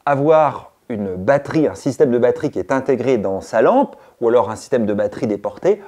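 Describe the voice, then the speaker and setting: Man, cycling channel host, gear review to camera, chatty explainer, warm dark tone. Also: medium pitch, sing-song, brisk. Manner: chatty, explaining step by step to viewers.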